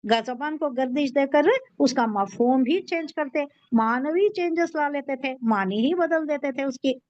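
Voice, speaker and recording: High-voiced woman teaching Quran lessons. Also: darkish tone, no echo, highs cut off. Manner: explains terms, asks and answers own questions. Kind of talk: tafseer lesson.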